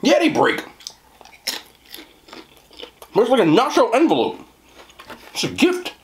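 A man's voice: extremely high pitch, wildly swooping pitch, moderate pace, slight background noise. A young man doing a mukbang eating chat, joking in slang and talking while he chews. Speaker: food reviewer.

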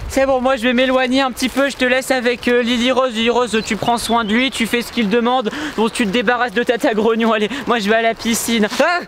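A man's voice: very high-pitched, flat delivery, fairly quick, few pauses, fairly bright tone, reverberant, slight background noise. A young man acting in a comedy sketch, urgent and exaggeratedly panicked, often repeating his words. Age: young adult. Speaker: family sketch performer. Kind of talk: acted comedy sketch for an online video.

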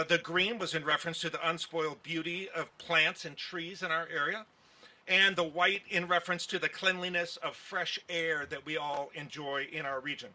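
A man in a high, pushed and bright voice delivers press conference remarks as a baseball team executive. He speaks at a stand-mounted podium microphone at an outdoor park event, spinning folksy stories with plenty of fillers.

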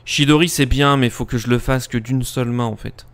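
A man streaming a live game, joking crudely and bursting into excited outbursts as he plays. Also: mid-range voice, brisk. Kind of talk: live gaming commentary.

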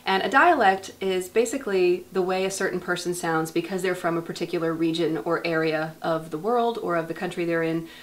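An American woman, a dialect coach, explaining clearly and patiently with examples. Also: lowish voice, fairly quick, few pauses. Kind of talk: explanatory teaching to camera.

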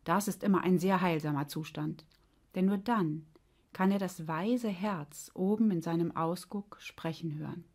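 A woman coach reading a story aloud in a calm, soft way, sometimes dropping to a whisper. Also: lowish voice, measured pace. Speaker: life coach. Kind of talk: storytelling narration.

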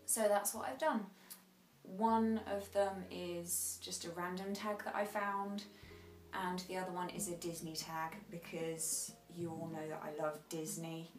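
A woman's voice: fairly low pitch, level tone, a little slow, echoey room, recorded from a distance, soft background music, poor audio. A woman chatting casually to camera as a vlogger, rambling and correcting herself as she goes.

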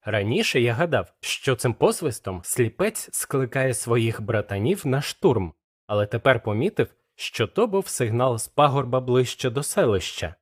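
Male audiobook narrator, mid pitch, steady and measured.

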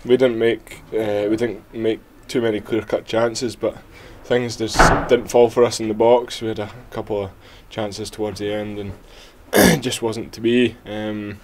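A young man gives a post-match interview in a small indoor press area. His voice sits fairly low, and he talks in a hesitant way, with frequent ums and restarts. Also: level tone, unhurried, few pauses, background noise. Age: 20s. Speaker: footballer.

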